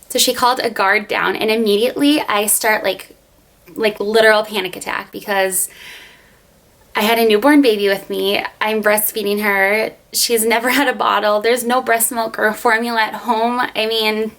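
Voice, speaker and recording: A woman's voice: medium pitch, gravelly, fairly bright tone. A young woman telling a personal story in a casual storytime vlog, chatty and full of fillers. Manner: chatty, many fillers, retells scenes. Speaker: vlogger.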